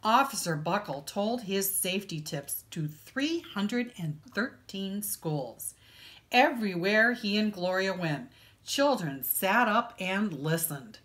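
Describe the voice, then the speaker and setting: Key words come out with deliberate, dramatic emphasis as a librarian reads a picture book to children. Her voice is mid-range and her storytelling expressive.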